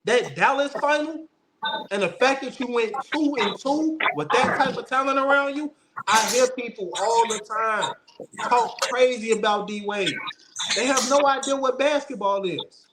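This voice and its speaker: A man hosting a casual basketball debate show gives his opinions emphatically and insistently, repeating phrases for stress. His voice is extremely high-pitched and a little slow, and the recording is very noisy.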